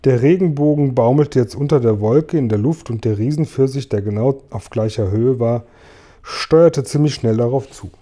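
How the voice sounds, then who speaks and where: A man reading a children's storybook aloud in a calm, measured way. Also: medium pitch. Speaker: reader.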